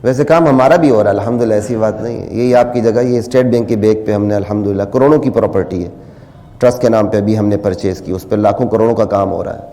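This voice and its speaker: A man preaching a sermon, moving between quiet asides and loud, rising exhortation, and slowing down to recite Arabic verses. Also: mid-range voice, big-room sound. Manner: quotes Quranic Arabic slowly. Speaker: religious teacher.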